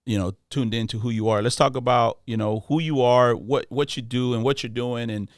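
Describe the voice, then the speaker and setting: A man's voice: medium pitch, fairly even intonation, brisk, no echo, studio quality. A man hosting a podcast, talking casually in slang and often restarting his phrases. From Los Angeles. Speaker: podcast host. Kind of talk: casual interview chat.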